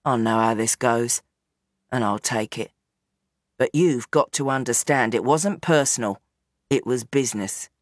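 Playing an aging storybook crime boss, a woman drops to a low, heavy voice well beneath her narrating one, calm, unrepentant, tired and settled. She keeps a measured pace and a resigned mood, and the sound is dry and close with no room sound.

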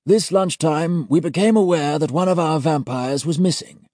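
A man voicing a kindly-looking older male senior auditor who is formal, courteous and quietly menacing. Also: on the high side, moderate pace, dry recording, studio quality, pitched above the performer's own voice, close to an everyday voice. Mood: politely menacing.

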